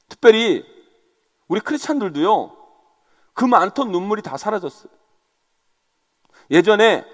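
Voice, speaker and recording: A male senior pastor giving an animated sermon, acting out quarrels and speaking straight to his congregation. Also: high voice, in a large hall. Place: church sanctuary.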